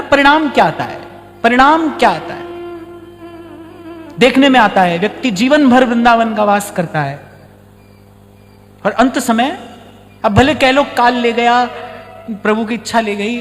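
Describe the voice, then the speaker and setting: A man with a high-pitched voice gives a devotional sermon, speaking conversationally and repeating key lines for emphasis. His voice carries a long hall reverb, with faint music underneath. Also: lively intonation, unhurried, long pauses. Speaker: spiritual teacher giving a discourse.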